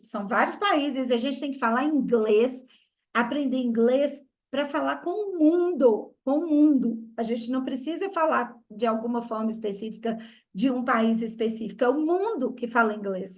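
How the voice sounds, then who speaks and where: A woman from Brazil with a Minas Gerais accent, teaching an English masterclass with rhetorical questions and repeated key phrases. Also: high voice. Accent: Minas Gerais Brazilian Portuguese. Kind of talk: online masterclass lesson.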